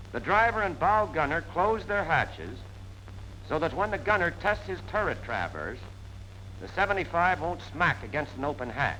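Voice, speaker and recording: Picture a 1940s American military instructor, his voice a little high, bright and forceful, with a lively, swinging lilt. He explains each step plainly in punchy, colloquial narration. The low-quality audio comes from an old film soundtrack with faint noise.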